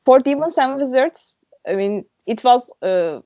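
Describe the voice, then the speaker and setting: A woman's voice: sits high, animated, measured pace, dark tone, no room sound. Woman, reflective and hesitant. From Turkey. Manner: reflective, hesitant with many fillers. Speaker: guest. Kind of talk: casual chat. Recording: dull, dry lo-fi sound.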